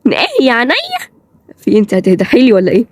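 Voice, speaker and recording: A fast-talking, sarcastic young woman with an Egyptian accent, played by a woman, quick to mock whoever faces her. Her lines come fast and dry, close to the mic with no room sound. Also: on the high side, big pitch swings, a little mellow, no room sound. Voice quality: sarcastic, snappy. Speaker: voice actor of a fan toy-game drama. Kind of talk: fan drama dialogue.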